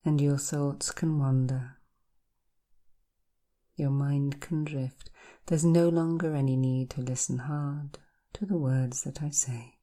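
A woman guiding a hypnosis relaxation, speaking softly in slow, repetitive suggestions and often half-whispering. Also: extremely low pitch, fairly even intonation.

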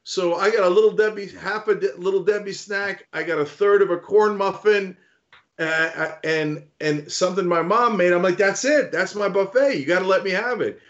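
A man's voice: high voice, moderate pace. An older man with a New Jersey accent hosting a talk show, telling stories in a rambling, playful way. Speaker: podcast host. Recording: dull lo-fi remote audio.

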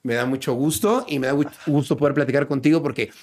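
A man's voice: medium pitch, fast, a little mellow. A Mexican man hosting a podcast in casual chat, encouraging his guest and chiming in with short replies. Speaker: podcast host.

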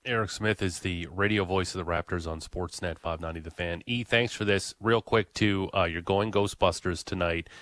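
A man's voice: sits low, fairly even intonation, moderate pace, few pauses, a bit bright, no room sound. A man hosting sports talk radio, chatty and opinionated, with lots of "uh" fillers.

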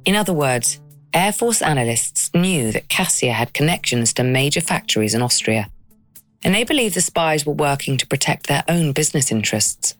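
A woman's voice: deep voice, very animated, normal speed, dry recording, soft background music. A woman delivering scripted narration as the host of a documentary podcast.

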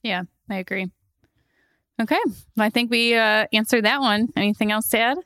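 A woman's voice: on the high side, normal speed, a bit bright, no room sound, clean studio sound. A woman co-hosting a podcast in casual chat, chatty and laughing often, with many fillers. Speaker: podcast co-host.

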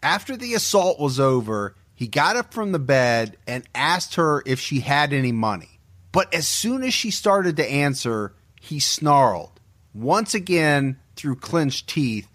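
A man co-hosting a podcast, reading a scripted true-crime narration in a measured, grave storytelling manner. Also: mid-range voice, fairly bright tone. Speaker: podcast co-host.

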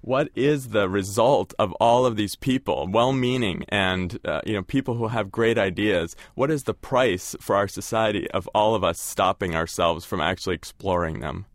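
A man's voice: fairly low pitch, normal speed, few pauses, dry recording, studio quality. A man who co-wrote a book, a guest on a radio interview. He reads a passage aloud and then answers casually, with lots of fillers like you know. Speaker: co-author, guest.

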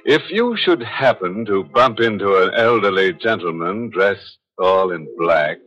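Old radio announcer, ghoulish horror host, sardonic, theatrical, low voice, muffled vintage broadcast. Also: male voice, expressive, a little slow, fairly bright tone, soft background music. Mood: mock warning. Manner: sardonic, macabre punning. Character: ghoulish, wisecracking male horror show host.

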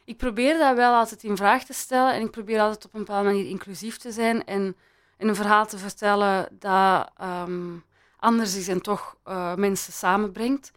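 A woman's voice: mid-range voice, steady tone, moderate pace. A woman speaking as an interview guest, thoughtful and hesitant, with frequent restarts and laughs. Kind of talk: reflective interview talk. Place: in Belgium.

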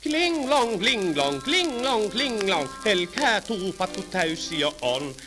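A man's voice: high-pitched, sing-song. A man singing and playing a fussy old-time tram conductor who scolds passengers, on an old archive record with music. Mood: jaunty. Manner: sings, then scolds passengers in quick patter. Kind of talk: 1930s comic song with spoken patter.

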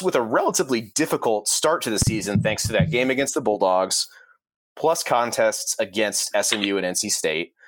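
A man's voice: on the low side, slight background noise. A man co-hosting a sports podcast, talking casually with frequent fillers. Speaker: podcast co-host.

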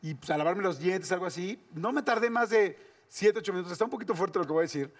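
A man's voice: high-pitched, fast talker. A man with a Mexican accent telling a comic story in casual chat, acting out the quoted lines. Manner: animated, acts out quoted lines. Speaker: show regular.

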